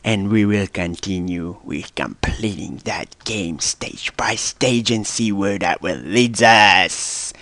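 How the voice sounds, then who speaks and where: A man's voice: lowish voice, slow pace, few pauses, bright, forceful tone, no room sound. A man giving a casual, playful, comedic retelling of a game intro. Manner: casual, playful, mock-storytelling. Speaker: game commentator.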